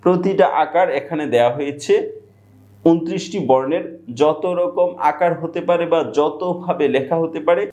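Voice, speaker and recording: A man with a Bangladeshi Bengali accent teaching Quran reading, patiently chanting letter sounds syllable by syllable in a steady rhythm. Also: fairly high pitch, moderate pace, muffled recording. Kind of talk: slow spoken letter-by-letter drill.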